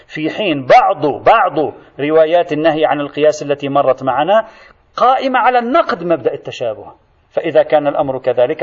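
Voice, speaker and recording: A man giving a seminary lecture on jurisprudence, rapid and emphatic, speaking directly to his students. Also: mid-range voice. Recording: dull lo-fi recording.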